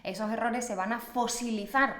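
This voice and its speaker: A woman's voice: fairly high pitch, steady tone, normal speed, a bit bright. A young adult woman from Extremadura in Spain with an Extremaduran accent, a Spanish teacher talking in a chatty, playful and self-mocking way. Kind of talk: casual teaching video. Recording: echoey room.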